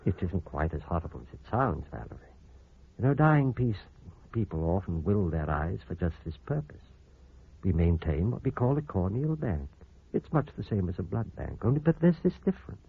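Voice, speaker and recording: A cold, calculating surgeon in an old radio drama, with a low, husky voice. His delivery is smooth and menacing, rising and falling with lively pitch. The sound is narrow and phone-thin, squeezed through an old AM radio broadcast. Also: moderate pace, heavily acted. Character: cold, scheming male surgeon. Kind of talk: 1940s radio acting.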